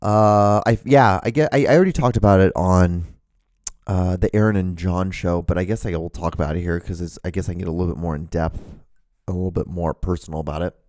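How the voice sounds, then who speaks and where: His voice sits low and darkish, and he speaks briskly. He's a man in his thirties from Honduras hosting a solo podcast, rambling in a casual, profane way with many restarts while sitting at a studio microphone in a room at home, facing a camera and wearing earphones. It's a dry, studio-quality recording.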